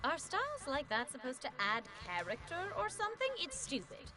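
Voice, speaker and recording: A short-tempered, haughty young mistress in an anime game. Her high voice leaps around as she snaps bluntly. Music runs clearly underneath. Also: wildly swooping pitch, normal speed. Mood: indignant. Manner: blunt, snappish. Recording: music behind the voice.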